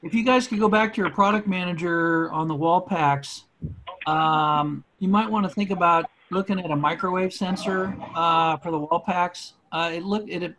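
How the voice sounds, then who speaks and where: A man's voice: high-pitched, a bit bright, a little hiss or hum, rough recording. A man giving casual, friendly-worded feedback as a webinar attendee. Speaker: audience member giving feedback. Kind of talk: casual question-and-answer chat.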